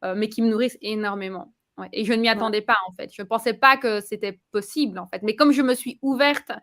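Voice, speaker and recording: A woman speaks in a relaxed, conversational way, often pausing on fillers and starting her sentences over. Her voice sits a little high. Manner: hesitant, many fillers and restarts. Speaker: client giving a testimonial. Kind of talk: casual conversational testimonial.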